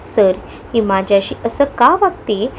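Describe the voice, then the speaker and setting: A woman reading as a spiteful young office coworker in an audio story. She taunts in a snide tone at a mid pitch. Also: lively intonation, unhurried, a little hiss or hum, lightly acted. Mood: taunting.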